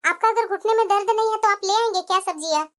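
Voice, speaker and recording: A woman plays a meek young daughter-in-law in a cartoon story, soft-spoken and pleading. Her voice is very high and light. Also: quick pace.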